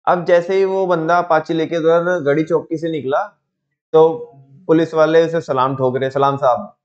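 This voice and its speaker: A man's voice: on the high side, fairly even intonation, normal speed, dull audio. A young man teaching a class, telling stories, acting out quotes and quizzing his students as he explains. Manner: storytelling, asks students questions, acts out quotes. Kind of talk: lively classroom lecture with acted examples.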